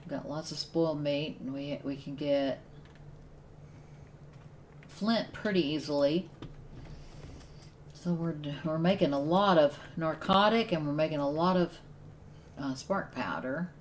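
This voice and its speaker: Low-voiced woman narrating her gameplay. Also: unhurried, pauses often, a little hiss or hum. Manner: thinks aloud while playing, with restarts and laughs. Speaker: streamer playing a survival game. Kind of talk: casual gameplay commentary.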